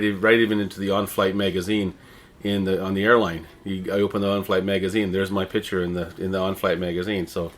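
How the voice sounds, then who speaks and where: A middle-aged Canadian man with a fairly low voice speaks as an interview guest. He talks conversationally, rambling a little and often doubling back on his words. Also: fairly bright tone. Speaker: interviewee, town crier and visitor services manager.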